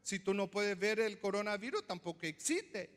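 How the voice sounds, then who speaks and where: A man's voice: high voice, very animated, moderate pace, a bit bright. A man pastor preaching a sermon, teaching step by step and asking the congregation questions. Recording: long hall reverb.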